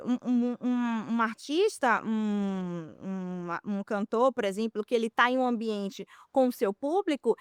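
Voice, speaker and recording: Smooth, instructive woman speech therapist. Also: a little high, fairly bright tone, no room sound, clean studio sound. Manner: measured, instructive, with hesitant fillers. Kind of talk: explanatory interview answers.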